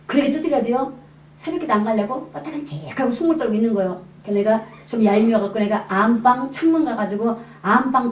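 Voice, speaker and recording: Fast-talking woman preacher in echoey hall. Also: fairly high pitch, slight background noise. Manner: lively storytelling, acting out quoted dialogue. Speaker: evangelist preacher. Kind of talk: testimony sermon to a congregation. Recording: echoey hall, mic at a distance.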